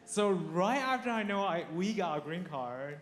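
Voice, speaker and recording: A Taiwanese man with a high, expressive voice gives a personal testimony to a congregation as a guest speaker in a church sanctuary. He talks at a normal speed, chatty and laughing often, with many restarts and fillers. The hall is echoey, with faint noise.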